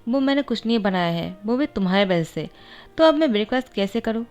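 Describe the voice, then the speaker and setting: A woman's voice: mid-range voice, lively intonation, brisk, darkish tone, faint music behind, natural voice. A woman voicing a weary, curt young male doctor in a storybook-style reading.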